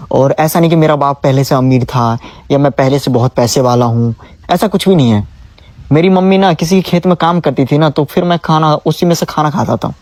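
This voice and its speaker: A man's voice: on the high side, darkish tone. A young man, venting in an emotional vlog, pleading and scolding by turns. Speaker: vlogger. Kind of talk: emotional direct-to-camera vlog.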